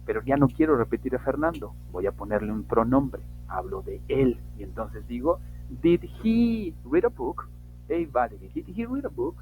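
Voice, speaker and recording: Male online English teacher, mid-pitched, stresses his example sentences, faint music behind. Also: darkish tone, poor audio. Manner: slow, emphatic modeling of English example sentences. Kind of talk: online class lesson.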